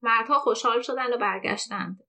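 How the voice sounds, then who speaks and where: A woman hosting a podcast, reading a short story aloud in a steady, measured way. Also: fairly high pitch. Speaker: podcast host and reader.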